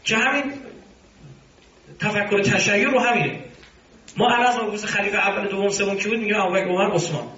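A man's voice: high voice, pauses often, bright, forceful tone. A male religious commentator who gives an argumentative lecture, breaking off now and then into mocking asides. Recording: roomy, distant, dull sound.

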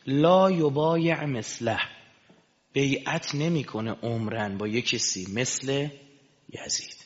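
A man giving an impassioned sermon, dropping to a hush and then rising to shouting. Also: mid-range voice, expressive. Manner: impassioned, swings between hushed and shouting. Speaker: religious preacher. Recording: echoey hall, dull lo-fi sound.

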